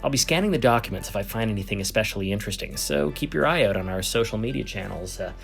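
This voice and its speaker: A man's voice: on the low side, expressive, fast, vocal fry, fairly bright tone, soft background music. A man playing an earnest amateur investigator, narrating his podcast in a scripted first-person style. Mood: eager, giddy.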